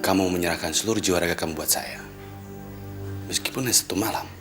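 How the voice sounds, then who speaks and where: An actor playing a sleazy male captor who talks slowly and leeringly in a low voice. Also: over music, natural voice.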